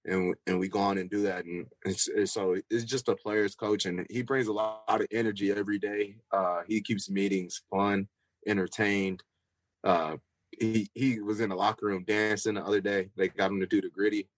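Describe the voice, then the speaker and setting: Young football guy rambling thru an interview, kinda low voice, dry close sound. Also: steady tone, moderate pace, dry recording, low-quality recording. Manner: loose, rambling, with many fillers and restarts. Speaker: football player guest. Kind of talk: casual interview answers.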